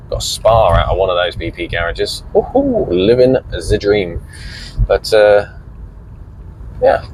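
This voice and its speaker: A man's voice: fairly low pitch, a little mellow, a little hiss or hum, poor audio. A middle-aged man gives a rambling, chatty commentary while driving, with mild swearing. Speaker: vlogger. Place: inside a moving car.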